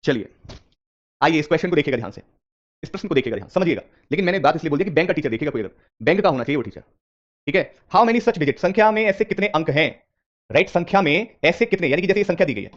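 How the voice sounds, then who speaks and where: A man runs a live reasoning class, talking fast and repeating each step to his students. His voice sits a little high, and his coaxing manner mixes English terms into his teaching. The audio is dull and lo-fi. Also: lively intonation.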